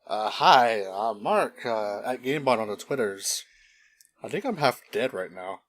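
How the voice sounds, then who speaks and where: A man's voice: lowish voice, lively intonation, unhurried. A man co-hosting a casual podcast, chiming in with short wry remarks. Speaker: podcast co-host.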